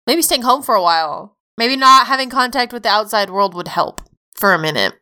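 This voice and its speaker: A woman's voice: a little high, expressive, a little fast, pushed and bright, smooth. A young adult woman co-hosting a podcast, chatting casually and sarcastically, swearing and laughing often. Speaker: podcast co-host. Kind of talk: casual chat.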